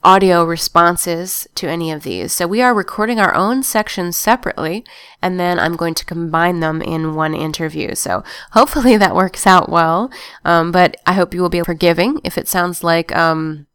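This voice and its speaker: A woman's voice: on the low side, moderate pace, fairly bright tone, clear, resonant tone, dry recording, studio quality. A woman hosting a gaming podcast, introducing an interview in a friendly, explanatory way. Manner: friendly, explanatory, reads steadily. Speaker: podcast host.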